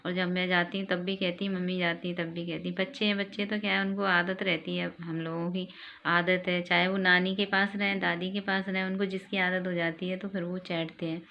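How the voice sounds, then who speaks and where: A woman's voice: fairly low pitch, flat delivery, a little fast, gravelly. A middle-aged woman chatting casually in a home vlog, telling the day's events. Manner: chatty, homely storytelling. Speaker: vlogger. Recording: dull lo-fi sound, faint noise.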